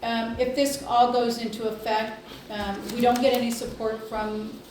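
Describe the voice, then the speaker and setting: Picked up by a distant mic in an echoey public meeting room with faint noise, a higher-pitched woman delivers an informal spoken report at a board meeting. She is a healthcare district executive, and her level-toned delivery is halting and hesitant, full of long pauses.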